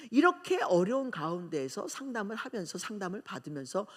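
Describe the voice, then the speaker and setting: A Korean-born woman pastor preaching a revival sermon, telling her family story in an animated way and acting out the quarrels in it. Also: mid-range voice, fairly quick. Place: church sanctuary. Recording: long church hall reverb.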